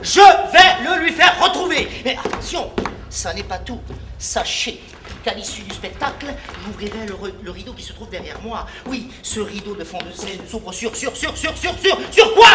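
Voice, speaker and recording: A man's voice: extremely high pitch, bright, forceful tone, a little hiss or hum, heavily acted. An actor playing a flamboyant, self-important male showman doctor on stage, grandiloquent and full of stammering theatrical flourishes. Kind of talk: live stage play. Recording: echoey stage recording.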